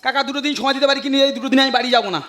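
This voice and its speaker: A man's voice: very high-pitched, steady tone, rapid-fire, fairly bright tone, soft background music. A man playing a timid young village nephew. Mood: meek. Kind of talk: comic folk play.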